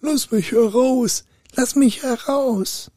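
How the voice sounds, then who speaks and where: A man's voice: slow pace, warm tone, no room sound, studio quality, heavily acted. Man doing Mercurius, a boastful bottle spirit. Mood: pleading. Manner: booming threats, whining pleas. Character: huge boastful male bottle spirit, menacing yet wheedling.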